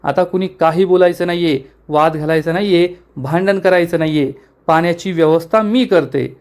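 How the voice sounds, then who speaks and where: A man's voice: on the high side, normal speed, lightly acted. A man reading aloud the lines of a determined young woman who is village head, speaking reassuringly and firmly. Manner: reassuring, firm.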